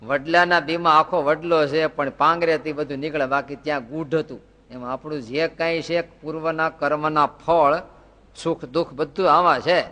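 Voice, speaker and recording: Preacher in a reverberant hall. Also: male voice, a little high, fairly even intonation, moderate pace, pushed and bright. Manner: rhetorical questions and folksy anecdotes. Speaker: spiritual teacher. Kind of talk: devotional sermon.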